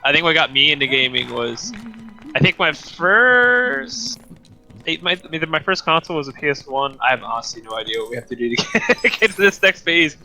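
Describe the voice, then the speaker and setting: A man's voice: mid-range voice, lively intonation, quick pace, hardly any pauses, sharp tone, low-quality recording. A young man co-hosting a casual gaming podcast, rambling and laughing often. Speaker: podcast co-host. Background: game music.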